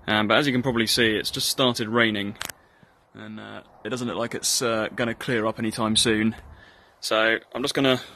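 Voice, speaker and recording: A man's voice: lowish voice, little pitch movement, moderate pace, pushed and bright, slight background noise. A Northern Irish man giving casual, self-deprecating narration of a workshop build, with plenty of ums and uhs. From Northern Ireland. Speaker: hobby blacksmith.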